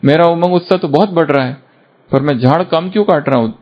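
A man's voice: a little high, quick pace, voice pushed up, close to an everyday voice. A man voicing an eager young woodcutter who keeps asking himself anxious questions. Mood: puzzled, worried. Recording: dull lo-fi recording.

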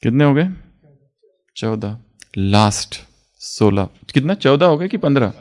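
A man's voice: medium pitch, animated, a little slow, a little mellow. A man giving a spiritual class talk as a teacher, asking his listeners questions and answering them himself, chuckling often while he explains.

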